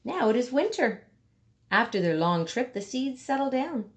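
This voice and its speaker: A woman's voice: a little high, big pitch swings. Woman reading a children's storybook expressively. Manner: measured, dramatic emphasis and pauses for young listeners. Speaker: storybook reader. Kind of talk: expressive children's picture book read-aloud.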